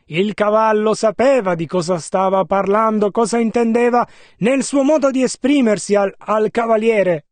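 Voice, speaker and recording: A man interpreting a sermon line by line in a steady, measured way. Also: sits high, no room sound. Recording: dry, close sound.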